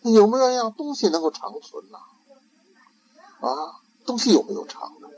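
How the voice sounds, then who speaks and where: A man's voice: very high-pitched, lively intonation, moderate pace, gravelly, darkish tone, pitched above the performer's own voice, full character voice, poor audio. An older man voicing a clever nine-year-old boy monk who asks earnest, innocent questions.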